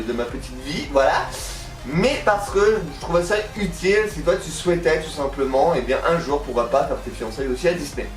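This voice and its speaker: A young adult man with a slushy lisp on his s sounds, chatting casually and playfully as an animated channel host. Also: mid-range voice. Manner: animated, playful, swinging emphasis. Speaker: host of a gaming and vlog channel. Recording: roomy echo, distant mic, music behind. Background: music.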